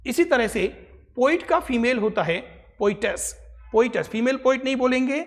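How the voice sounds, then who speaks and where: A man's voice: extremely high pitch, lively intonation, normal speed, in a large hall, faint music behind. A male English grammar teacher gives a classroom lecture in Hindi mixed with English. He keeps repeating answers and checking in with short tag questions. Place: coaching classroom.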